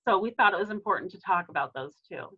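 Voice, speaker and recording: A woman's voice: medium pitch, animated, fast, breathy edge, muffled recording. Woman presenting a staff training. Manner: casual, many fillers and restarts.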